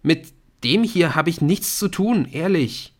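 A man's voice: fairly high pitch, animated, slow, voice pushed up. A man voicing a nervous teenage boy who speaks hastily and defensively. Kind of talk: audiobook character voice.

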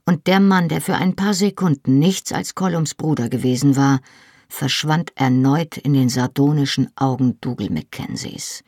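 A reader telling a novel in the first person, measured and even. The voice has a gravelly, husky grain, recorded close and dry with no room sound. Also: female voice, very deep voice, no room sound. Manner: measured storytelling. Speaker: audiobook narrator.

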